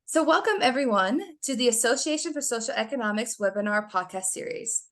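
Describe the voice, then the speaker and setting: A woman's voice: a little high, expressive, a little fast, a bit bright. A woman hosting an academic podcast, reading a formal introduction and asking interview questions. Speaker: podcast host.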